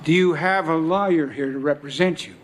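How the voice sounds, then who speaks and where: A man playing a brisk, impatient judge in a TV courtroom drama, formal and projecting. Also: fairly high pitch, slight background noise, lightly acted. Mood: formal, questioning.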